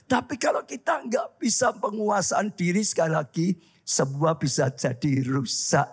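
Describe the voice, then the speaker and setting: A male pastor preaching a lively sermon, often calling out to the congregation. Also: high-pitched, normal speed, husky. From Indonesia. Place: church hall.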